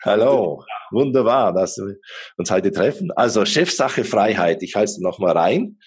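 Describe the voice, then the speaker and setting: A man's voice: fairly low pitch, animated, unhurried, breathy edge. A middle-aged man hosting an interview podcast, talking hesitantly with many fillers and restarts. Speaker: podcast host.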